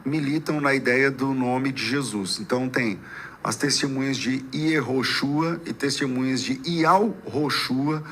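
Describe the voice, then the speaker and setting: A man hosting a podcast debate as a pastor, laying out a topic in measured, halting questions. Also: medium pitch, fairly bright tone, a little hiss or hum.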